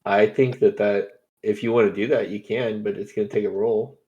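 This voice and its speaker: A man running a tabletop horror game as game master, easygoing and quick to laugh. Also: on the low side, fairly even intonation, mellow, husky, muffled recording.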